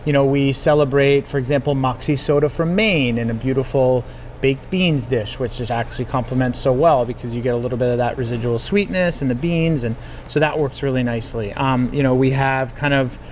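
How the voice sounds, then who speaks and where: A man from New England, a chef being interviewed about his cookbook, talking in a measured, thoughtful way with frequent fillers. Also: medium pitch, steady tone, a little hiss or hum. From New England, United States. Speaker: chef and cookbook author, guest. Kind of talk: conversational interview.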